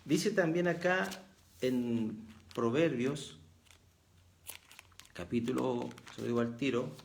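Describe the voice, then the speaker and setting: A man's voice: mid-range voice, takes it slowly, gravelly, slight background noise. A middle-aged man with a Chilean accent, preaching a reflective sermon and rising in emphasis as he reads verses aloud. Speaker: pastor.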